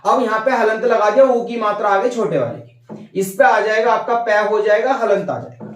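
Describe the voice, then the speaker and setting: A man's voice: sits high, expressive, normal speed, fairly bright tone, reverberant, distant mic. A man teaching a Hindi grammar lesson, repeating points and often checking that his listeners follow. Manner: repetitive, checks understanding with "ठीक है" and "भैया".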